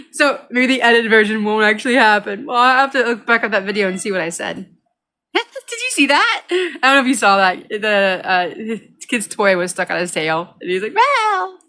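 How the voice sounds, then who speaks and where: A woman chatting casually on her gaming channel in a giggly, cutesy way, often drifting into baby talk. Her voice is bright and sharp, at an ordinary mid pitch. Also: moderate pace. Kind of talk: casual unedited vlog chat.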